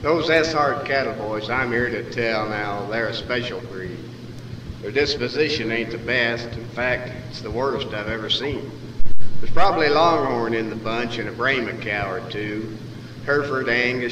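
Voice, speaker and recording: A man recites rhymed cowboy verse in a folksy American West drawl, his voice sitting at an ordinary male pitch. He is recorded from a distance in a reverberant hall, with faint noise around his words. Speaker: cowboy poet. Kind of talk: reciting rhymed cowboy poetry as live storytelling.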